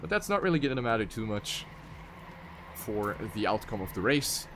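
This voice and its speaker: Live commentary on an online racing tournament comes from a man with a fairly low voice at a moderate pace. As an esports caster, his play-by-play is excitable, rising sharply whenever there's a crash or a mistake. Slight background noise is audible.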